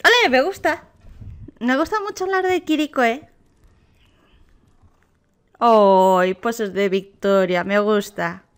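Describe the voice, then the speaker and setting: A woman with a Spain Spanish accent, a gaming youtuber giving casual, excitable reaction commentary. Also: on the high side, slow, pauses often, clean tone. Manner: excitable, gushing exclamations.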